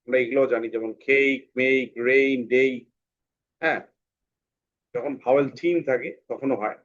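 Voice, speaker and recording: Male teacher, patient, repeats words slowly for kids; muffled lo-fi online class sound. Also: mid-range voice, steady tone, a bit bright. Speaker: English teacher. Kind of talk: teaching pronunciation to children.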